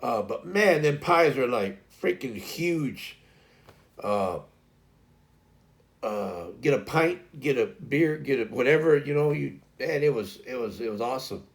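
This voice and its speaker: A man's voice: mid-range voice, lively intonation, unhurried, creaky. A man hosting a livestream, rambling loosely through a casual story with lots of fillers and restarts. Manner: frequent laughter. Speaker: livestream host.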